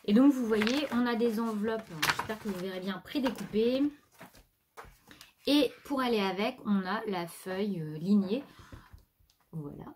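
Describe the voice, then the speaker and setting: A French craft vlogger chats casually at home while showing off her new supplies, wandering off topic a bit and pausing to speak to her pet. Her voice is medium-pitched and measured, with long pauses, over faint background noise.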